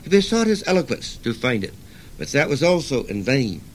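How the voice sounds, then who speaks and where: An older man reading the part of a calm, wise old sage who teaches stillness, in a gentle, instructive way. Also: medium pitch, normal speed, slight background noise, pitched above the performer's own voice, natural voice, low-quality recording.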